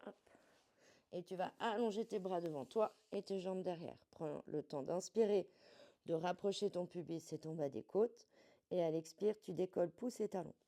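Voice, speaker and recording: A woman fitness coach guiding a workout step by step, calmly cueing each movement and breath. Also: lowish voice, normal speed. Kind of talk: guided workout instruction.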